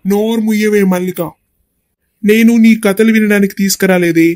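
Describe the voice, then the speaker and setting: A man's voice: high voice, steady tone, normal speed, a little mellow, close to an everyday voice. A man voicing an angry, bossy young husband in a cartoon comedy, with a Telangana Telugu accent, scolding and making threats. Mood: furious. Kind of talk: cartoon voice acting.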